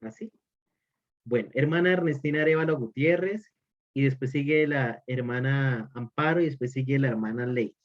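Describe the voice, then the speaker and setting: A man's voice: mid-range voice, moderate pace. A man teaching an online religious formation class, repeating key phrases for emphasis. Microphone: video call. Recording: dull lo-fi call audio.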